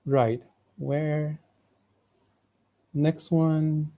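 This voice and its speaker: Malaysian man, English teacher, fairly high voice, warm and mellow, exam-prep lesson, keeps asking "okay?". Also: steady tone, extremely slow. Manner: checks in with frequent "okay?", reads students' questions aloud.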